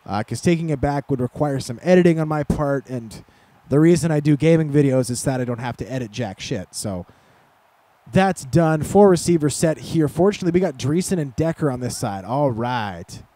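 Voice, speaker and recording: A man with a slightly high, expressive, mellow voice talks at normal speed over a football video game. His commentary is casual and rambling, full of sarcastic, self-deprecating asides, and he's recorded close on a desk microphone at home.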